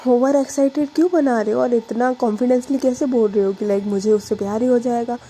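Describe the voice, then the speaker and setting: A woman's voice: fairly high pitch, fairly even intonation, fast, warm tone, husky, rough recording. A woman voicing a stubborn young working woman who answers back defiantly in a storytelling reading. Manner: defiant, sulky.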